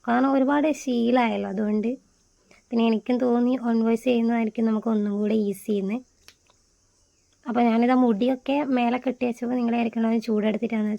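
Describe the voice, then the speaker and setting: A woman's voice: on the high side, steady tone, fast, creaky, mellow, highs cut off. A woman with a Malayali accent narrating a casual vlog, mixing English words into her speech. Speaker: vlogger narrating a hill trek.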